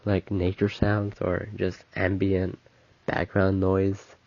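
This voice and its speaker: Stuffy-nosed young man, low and flat. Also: slow, dry recording. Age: young adult. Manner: rambling, self-correcting, chatty. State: sick, stuffy nose. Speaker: podcast host, college student. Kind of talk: casual solo podcast talk. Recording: muffled lo-fi sound.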